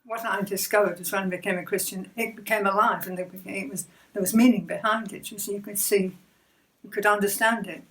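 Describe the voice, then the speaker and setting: A woman's voice: mid-range voice, steady tone, fairly quick. Older woman sharing her faith, distant mic. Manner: hesitant, gentle, repeats words, soft laughs. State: emotional near the end. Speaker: church member sharing testimony. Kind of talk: personal faith testimony.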